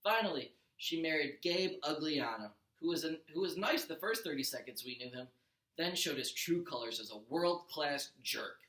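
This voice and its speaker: Fairly high-pitched and sharp in tone, a man reads a story at normal speed the way a teacher would to a class, expressive and animated for a children's audiobook. The odd stumble and self-correction slips in, and the recording has an echoey room sound.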